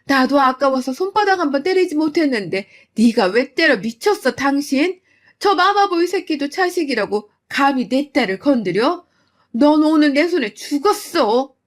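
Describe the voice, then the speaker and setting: A woman doing a fierce protective mother, loud scolding, raised pitch, storytelling. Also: lively intonation, moderate pace. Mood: furious.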